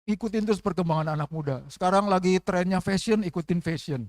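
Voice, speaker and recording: Seorang pendeta pria paruh baya berkhotbah dalam ibadah gereja, sering bertanya kepada jemaat. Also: male voice, high-pitched, fast, no room sound, studio quality. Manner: preaching with call-and-response questions and acted prayers. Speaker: pastor. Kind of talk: sermon. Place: church service.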